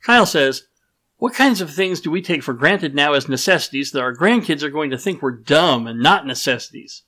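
A man co-hosting a casual podcast, reading listener questions and chatting with animated, exasperated reactions. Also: a little high, moderate pace. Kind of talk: casual chat.

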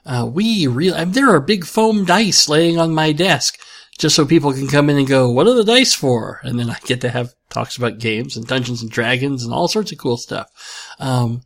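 A man's voice: mid-range voice, normal speed. A man hosting a show, answering listener questions in casual chat, rambling and self-deprecating with many restarts.

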